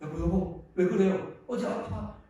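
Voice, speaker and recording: A man's voice: dark tone, muffled recording. A male pastor voicing a startled wife who fires off worried questions, in an echoey hall from a distance. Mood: alarmed. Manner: anxious rapid questions, voice raised high. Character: startled worried wife, middle-aged woman.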